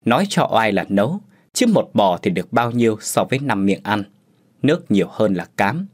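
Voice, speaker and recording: A man narrating a first-person story as a storyteller in scripted narration, with lively, expressive delivery. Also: on the low side, moderate pace.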